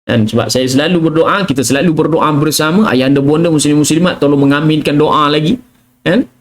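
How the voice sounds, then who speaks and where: This middle-aged man's voice is mid-range and darkish, carrying a Malaysian Malay accent. He teaches Quran recitation in an easygoing live tajwid lesson, chatty and peppered with "kan?" and "ah," and every so often he demonstrates letters through a whisper or chanted recitation.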